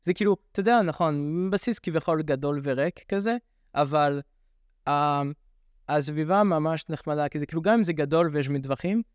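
Young man with a French accent, clear voice. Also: on the high side, no echo, studio quality. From French immigrant raised in Netanya, Israel. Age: young adult. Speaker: podcast guest. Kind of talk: casual chat.

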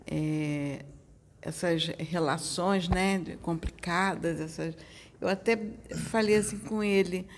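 A woman's voice: lowish voice, gravelly, slight background noise. A woman chatting casually, hesitant, with many restarts. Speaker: co-host, medium's wife. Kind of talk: casual chat.

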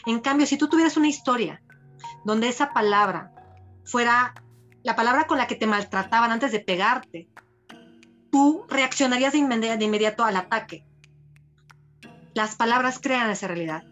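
A woman's voice: a little high, highs cut off. A woman, talking as a podcast guest and acting out the voices of people she quotes. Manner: expressive, acts out quoted voices. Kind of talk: podcast conversation.

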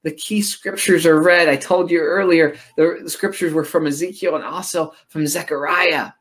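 Male preacher, fairly high voice, dramatic sermon storytelling with repeated phrases. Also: steady tone, moderate pace, a bit bright.

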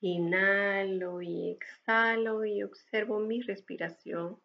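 Casting: woman meditation guide, soothing and hushed, lowish creaky voice, very slow delivery. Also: fairly even intonation, highs cut off. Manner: soft, hushed, unhurried instructions with pauses.

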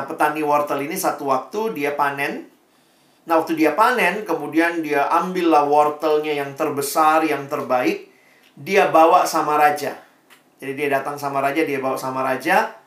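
A preacher giving a sermon in a lively, conversational storytelling manner. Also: mid-range voice. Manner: conversational, animated storytelling, varied pace. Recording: echoey room, voice far from mic.

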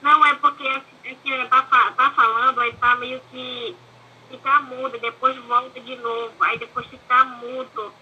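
A woman's voice: high voice, flat delivery, moderate pace, slightly rough, lo-fi sound. A young woman, a student speaking up politely in an online class and addressing her teacher formally over a video call.

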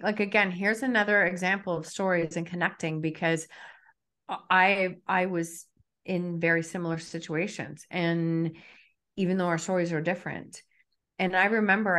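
A middle-aged woman talks openly about hard times in a relaxed podcast conversation. Her delivery is reflective and emphatic, with firm stress on key words and an unhurried, sincere tone. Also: fairly low pitch. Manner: reflective and emphatic, self-disclosing. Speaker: author and guest. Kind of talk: candid conversational podcast talk.

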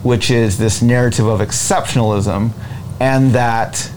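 An American man giving deliberate, emphatic explanations as an interview guest, often repeating phrases to build a point. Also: medium pitch, fairly even intonation, a little mellow, rough recording. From United States. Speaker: interview guest, presidential candidate. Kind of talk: explanatory political interview talk. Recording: noticeable background noise.

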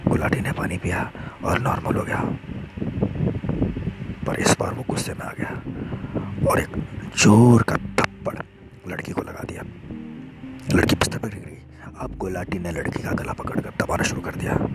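A man narrating a dramatic story in a steady, hushed storytelling tone, over loud music. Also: sits low, moderate pace, pauses often, very noisy.

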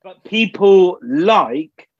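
A man's voice: sits high, expressive, drawn-out words, a little mellow, breathy edge, no echo. A man chatting casually, thoughtful and a little hesitant. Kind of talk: casual chat. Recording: dull dry lo-fi sound.

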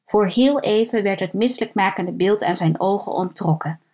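Calm woman reading a thriller aloud. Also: mid-range voice, moderate pace. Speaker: narrator. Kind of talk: scripted narration of a thriller story.

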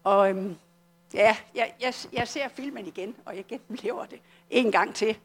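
An older woman with a Danish accent telling her personal story at a church service, earnest and halting, often restarting her sentences. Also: medium pitch. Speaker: church testimony speaker.

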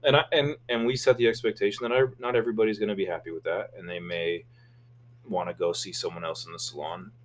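A man's voice: sits low, fairly even intonation, quick pace. A young man, co-hosting a casual podcast chat about running a salon, earnest and a little anxious. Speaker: podcast co-host, salon co-owner.

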